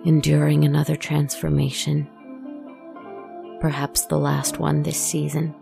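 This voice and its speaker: A woman voicing a weary shapeshifting forest creature in a scripted horror monologue, speaking slowly and deliberately in a husky, creaky voice. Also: low-pitched, level tone, music in the background, heavily acted. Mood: eerie, weary.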